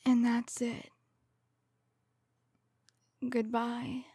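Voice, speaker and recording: A woman playing a coldly tender serial killer in a soft, breathy ASMR role-play, slowly soothing her victim as if comforting someone in her lap. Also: a little high, monotone, dry recording, clean studio sound, full character voice. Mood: tender, hushed.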